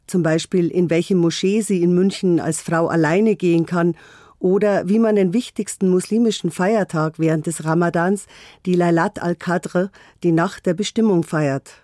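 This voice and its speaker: A woman narrating a scripted radio report in an even, formal manner. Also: fairly low pitch, moderate pace, dry recording, studio quality.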